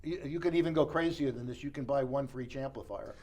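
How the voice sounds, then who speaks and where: Over a crowd murmuring in the background, a man with a medium-pitched voice rattles off a fast, casual demo of audio equipment. He's a dealer in an exhibition suite at an audio show, correcting himself mid-explanation.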